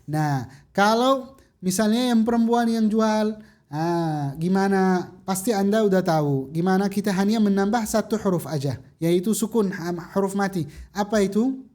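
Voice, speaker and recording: A woman's voice: medium pitch, normal speed, warm tone. A woman teaching beginner Arabic verbs, patiently repeating each form for students to echo. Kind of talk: slow classroom drilling of verb forms.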